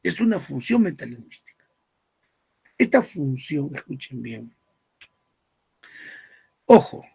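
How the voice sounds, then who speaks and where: A man's voice: on the high side, vocal fry, a little mellow, husky. A man teaching a language class, asking questions and then answering them himself, with a firm stress on the key terms. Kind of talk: classroom lecture.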